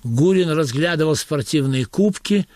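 A man narrating a story in a wry, even manner, as an audiobook reading. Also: a little high, moderate pace, no echo.

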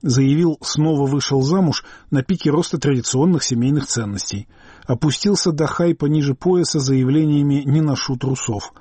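Male reader, dark and husky voice, dry close sound, scornful list. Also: on the high side, moderate pace, no room sound. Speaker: reader of a channel post. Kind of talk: read-out commentary.

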